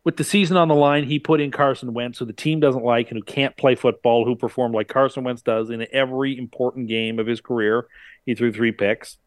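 A man's voice: medium pitch, steady tone, fairly quick, dry recording. A man co-hosting a casual sports betting chat, blunt and opinionated. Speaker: co-host.

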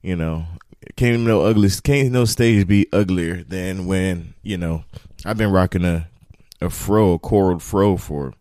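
A man hosting a casual solo podcast from a home studio, talking in an informal, animated and rambling way. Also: deep voice, unhurried, no echo. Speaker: podcast host.

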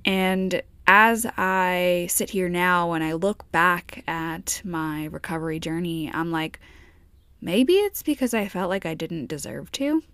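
A woman's voice: fairly low pitch, takes it slowly, fairly bright tone, clean tone, dry recording. An American woman from New York hosting a casual solo podcast from inside a parked RV, chatting directly to her listeners. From New York, United States. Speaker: podcast host.

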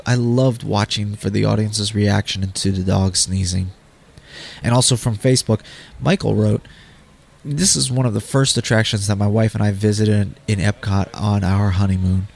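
A man's voice: fairly low pitch, vocal fry, a little mellow. A man hosting a podcast, reading scripted narration and addressing the listener directly as a guide. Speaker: podcast host.

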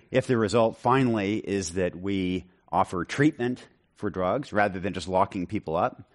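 Casual: low-ish man, thoughtful interview answers, lots of ums. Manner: measured, with frequent ums and restarts. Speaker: author being interviewed.

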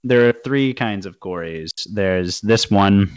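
A man chats on a podcast in a thoughtful, halting way, often repeating words. His voice is very low. The sound is dry and a little dull and lo-fi. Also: smooth, dry recording. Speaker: podcast co-host. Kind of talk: casual podcast chat.

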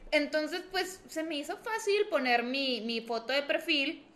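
A young woman with a Mexican accent, co-hosting a casual chat and telling stories in an animated way, acting out the voices of the people she quotes. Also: sits high, measured pace. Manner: animated storyteller who acts out quoted voices. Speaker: podcast co-host.

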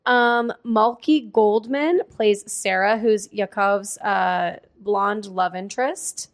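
A woman's voice: mid-range voice, slow. A woman co-hosting a casual podcast, reading movie credits and critics' reviews aloud and laughing often. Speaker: podcast co-host.

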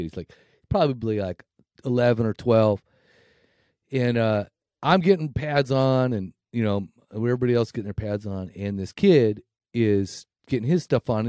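A man co-hosting a podcast, telling stories in a casual chat full of swearing and animated retellings. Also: on the low side, no room sound, clean studio sound. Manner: swears constantly, animated storytelling. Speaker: podcast co-host.

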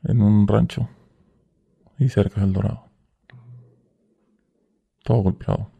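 Slow, creaky and mellow with a breathy edge, this young man's voice sits on the low side and stays fairly even in intonation. A former cartel worker, he's a guest in a casual interview, recounting his story in slang and performing the dialogue he quotes.

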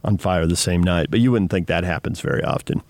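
A man's voice: low-pitched, fast talker, darkish tone, no echo. A man hosting sports radio, talking through games in a conversational commentary style.

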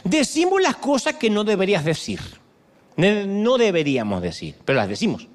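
Animated, high-voiced male preacher in his 50s. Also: normal speed, long reverb tail. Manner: animated, humorous storytelling. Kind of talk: sermon.

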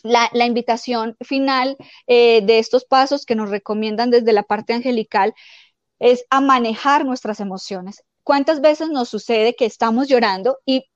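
A woman life coach giving calm, explanatory spiritual self-help advice, often acting out quoted dialogue. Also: fairly high pitch, normal speed, dry recording, muffled recording.

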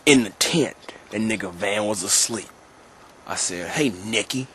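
A man telling a story outdoors in the woods in a low, hushed, matter-of-fact way. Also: measured pace, slight background noise. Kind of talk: confessional monologue.

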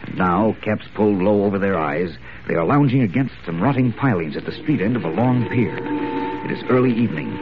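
A man's voice: on the low side, expressive, a little fast. A man with an American accent narrating a serial as an old radio announcer, with suspenseful, emphatic delivery. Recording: dull, noisy 1940s radio recording.

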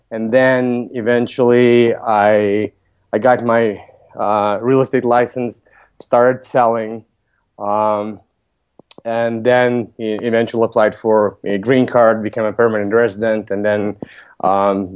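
A man's voice: mid-range voice, darkish tone, smooth. A man in his thirties from Lithuania, speaking with a Lithuanian accent, answering interview questions as a guest in a matter-of-fact, businesslike way. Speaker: podcast guest, real estate broker.

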